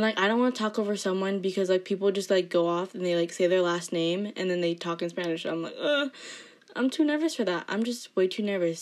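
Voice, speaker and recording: A teenage girl chatting casually in a vlog, rambling with lots of fillers in a fairly monotone way. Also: fairly low pitch. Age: teens. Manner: rambling, filler-heavy talk with frequent "like"; self-described monotone delivery. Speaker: student vlogger.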